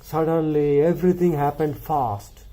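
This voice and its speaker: A man telling a children's story to his kids, animated and stopping to ask them questions. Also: fairly high pitch, moderate pace, a little hiss or hum, rough recording. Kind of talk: bedtime storytelling.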